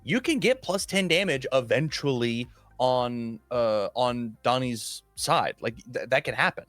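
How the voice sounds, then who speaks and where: A man's voice: mid-range voice, unhurried, no echo, faint music behind. Casual, eager male co-commentator. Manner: casual, eager, stumbles and restarts when excited. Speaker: card game commentator. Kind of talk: live tournament commentary.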